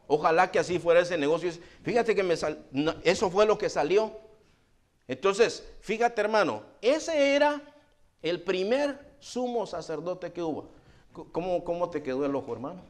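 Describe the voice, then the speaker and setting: Fervent pastor with a higher voice. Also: male voice, moderate pace. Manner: fervent, keeps addressing listeners as brother. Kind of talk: sermon.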